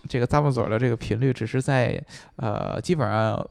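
A man's voice: medium pitch, brisk, gravelly, darkish tone. A man co-hosting in casual chat, smacking his lips for emphasis and often repeating words. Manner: frequent lip-smacking for emphasis. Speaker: podcast co-host.

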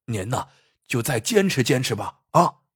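A man voicing a scrawny old trickster who teases calmly and slowly in a husky, lowered voice. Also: no echo, studio quality. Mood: sly calm. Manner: calm, teasing, slow.

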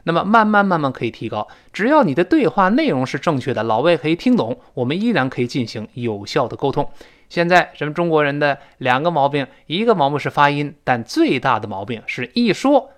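Man, English teacher, rather high voice, very animated pitch, slow clear model readings. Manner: lively explaining, reads English lines slowly and clearly. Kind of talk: spoken English lesson.

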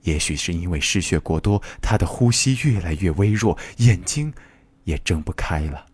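A man's voice: deep voice, expressive, moderate pace, husky, no room sound. A man reading a short story aloud in an earnest, dramatic way. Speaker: reader.

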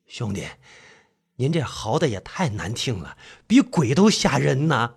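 A man playing a gruff male exorcist, bold and dry-humored, speaking low and commanding. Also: very animated, a little slow, full character voice.

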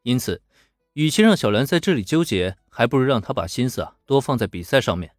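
A man's voice: medium pitch, fairly quick, no echo, studio quality. A man narrating a serial story in a chatty, colloquial manner. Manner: chatty, animated, colloquial asides. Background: faint background music.

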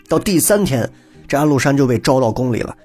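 A man telling a historical story in a lively, chatty lecture style, acting out the characters' lines and turning to the audience with asides. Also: medium pitch, fast talker, husky, faint music behind.

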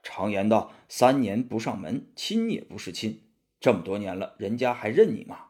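A man voicing a cautious, steady monk disciple in a storybook reading, worried and measured. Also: fairly low pitch, breathy edge, pitched below the performer's own voice. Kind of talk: children's storybook narration.

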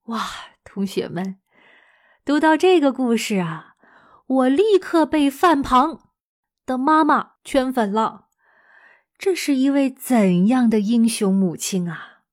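Woman, teacher, children's story narration, lively, chatty, high-leaning voice, slow pace.

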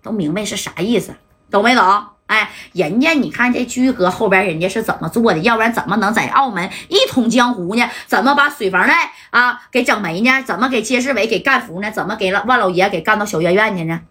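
A woman's voice: medium pitch, fairly quick, sharp tone, husky. A woman telling a crime story in a colloquial, emphatic way, often asking listeners rhetorical questions. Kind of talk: lively spoken crime storytelling.

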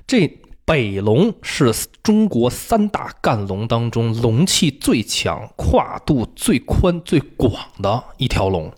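A man's voice: mid-range voice, big pitch swings, slow, a little mellow. A man with a Beijing accent explaining things in casual talk as a feng shui expert, emphatic, repeating phrases and answering his own questions.

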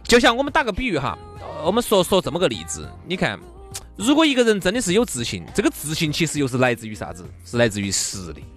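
A man's voice: on the high side, huge pitch swings, fast, fairly bright tone, faint music behind. A man with a Sichuanese accent co-hosting a talk show, bantering casually and emphatically with examples and mimicked replies.

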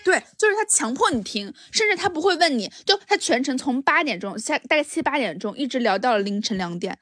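Woman, high voice, animated storytelling, frequent laughs, dry sound. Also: brisk, no echo. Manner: animated, laughs often, acts out quotes. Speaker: podcast co-host. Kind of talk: casual chat, storytelling.

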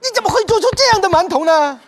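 A man playing a vain, easily flattered male cook-squad leader who grills his cooks with loud exclamations in a stage comedy sketch. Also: very high voice, fast. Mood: bossy. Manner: loud exclamations, mock interrogating.

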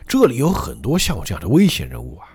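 A man's voice: medium pitch, huge pitch swings, fast, husky, exaggerated voice. A man doing a leering brute of a chimera. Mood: menacing. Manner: leering, loud. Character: lecherous brutish crocodile-blooded man.

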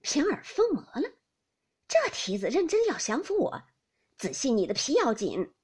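A woman's voice: high-pitched, huge pitch swings, normal speed, a little mellow, slightly rough, pitched above the performer's own voice, heavily acted. A woman voicing a shrewd, jealous noblewoman who mocks with cold insinuation. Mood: mocking.

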